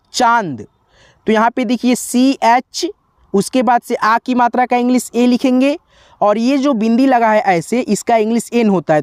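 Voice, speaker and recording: Slow patient male tutor, dry close sound. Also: high voice, no echo. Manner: slow, repetitive, spells letters out one by one; keeps addressing viewers as friends. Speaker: teacher. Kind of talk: tutorial explaining spelling on a board.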